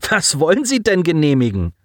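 A man reading an audiobook, voicing a cold, commanding female starship lieutenant who speaks in an icy, calm, cutting way. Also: on the high side, fairly quick, no echo, studio quality, voice pushed up. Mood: icy, scornful.

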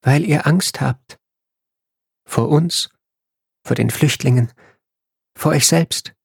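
A composed female ambassador, put on by a male reader, stays level and matter-of-fact whatever happens. The voice is husky and a little lifted in pitch. It sounds close and dry in an audiobook reading. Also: slow, no room sound, heavily acted. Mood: calm.

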